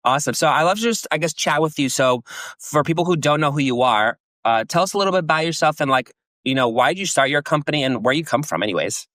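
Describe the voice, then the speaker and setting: A man's voice: a little high, lively intonation, fast, sharp tone, dry recording. A man hosting a business podcast, enthusiastic and rambling as he introduces and questions his guest. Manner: enthusiastic, rambling with many "like" fillers. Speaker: podcast host. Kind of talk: casual podcast interview.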